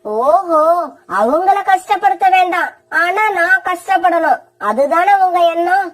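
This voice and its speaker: A woman's voice: extremely high pitch, a little slow, pitched above the performer's own voice. A woman voicing a harsh, scheming young mother bird in a cartoon, talking sarcastically and scolding.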